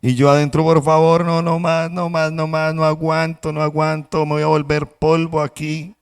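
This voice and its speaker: A preacher putting on a whiny suffering clay cup. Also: male voice, fairly high pitch, completely flat delivery, normal speed, vocal fry, clear, resonant tone, voice pushed up. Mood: complaining. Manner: pleading, complaining, breathless begging. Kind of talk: sermon storytelling. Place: church.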